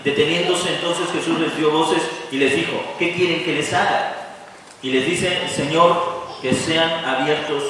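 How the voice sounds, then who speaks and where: A man's voice: a little high, fairly even intonation, a little slow, distant mic, noisy background. A pastor preaching a sermon, emphatic and full of rhetorical questions to his congregation. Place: church sanctuary. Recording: echoey hall, voice from off-mic.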